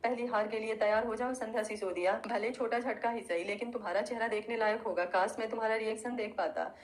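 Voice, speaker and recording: A hot-tempered young hero in an audio love story, forceful and firm, quick to command, read by a woman storyteller. The voice stays fairly high, near the reader's own. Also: steady tone, close to an everyday voice. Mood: sly. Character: young man, hot-tempered hero who plots cleverly.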